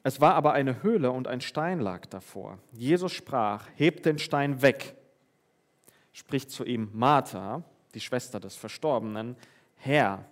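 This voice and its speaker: A man's voice: medium pitch, expressive, a little slow. A man giving a sermon, reading Bible verses and talking with the congregation in a conversational way, often asking them questions. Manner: conversational, asks the listeners questions. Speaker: preacher.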